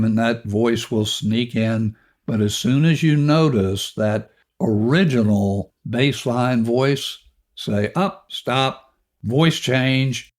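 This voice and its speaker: A male podcast host talks through self-help advice in a calm, reassuring voice. His pace is very slow and deliberate, and his pitch sits in an ordinary middle range.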